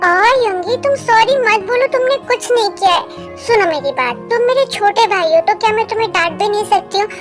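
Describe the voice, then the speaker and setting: A woman's voice: very high voice, lively intonation, brisk. A woman voicing a stern but caring older sister who scolds and lectures her brother, in a fan dub drama. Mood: coaxing. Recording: background music under voice. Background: music.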